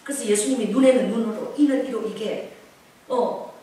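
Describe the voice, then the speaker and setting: A woman in her late forties, a pastor giving a sermon, telling stories with animated swings between loud outbursts and soft asides. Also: on the high side, normal speed. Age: 40s. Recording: echoey room heard from a distance.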